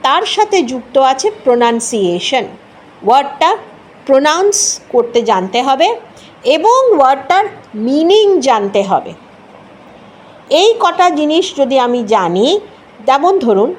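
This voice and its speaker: A woman with a high voice, carrying a slight hiss or hum, teaches an English word in an explanatory lesson. Speaking with a Bengali accent, she patiently repeats each sound and mixes English into her Bengali.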